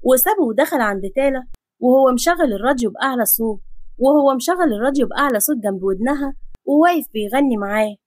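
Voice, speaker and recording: A woman with an Egyptian accent narrating a comic family story in a brisk, lively way. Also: high voice, no room sound. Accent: Egyptian Arabic.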